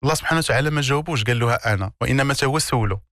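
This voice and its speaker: This is explanatory coaching delivered conversationally in an interview: a Moroccan-accented man shares self-development ideas as the guest. His mid-range voice is a bit bright and comes out rapid-fire, with emphatic repetition of key words and plenty of rhetorical questions. The sound is clean studio audio with no room echo.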